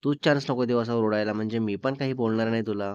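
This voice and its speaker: A man's voice: fairly low pitch, steady tone, quick pace, darkish tone, clean tone, dry recording, close to an everyday voice. A man voicing a young boyfriend who scolds his girlfriend sternly but with care. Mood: lecturing. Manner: scolding, then coaxing. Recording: dull lo-fi dry recording.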